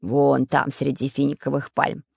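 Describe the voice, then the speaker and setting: A reader voicing a cautious, fussy male geography professor in a storybook reading, with a low, wary manner. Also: completely flat delivery, measured pace, vocal fry, husky, no room sound, studio quality, heavily acted.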